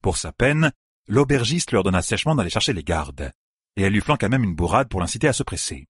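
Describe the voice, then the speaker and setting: Deep, husky male audiobook narrator. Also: sing-song, no echo, clean studio sound. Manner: measured storytelling, quoting characters. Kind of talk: scripted fantasy narration.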